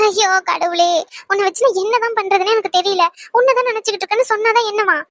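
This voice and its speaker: A woman's voice: extremely high pitch, fast talker. A woman voicing a bossy, exasperated young woman who keeps scolding her boyfriend with nagging sighs and exclamations in a cartoon. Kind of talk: cartoon voice acting.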